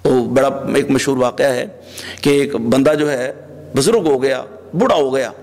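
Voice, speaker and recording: A man's voice: mid-range voice, a little mellow. A man preaching a sermon as a religious scholar, pleading in repeated, emotional phrases. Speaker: Islamic preacher. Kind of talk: Urdu sermon. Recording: long hall reverb.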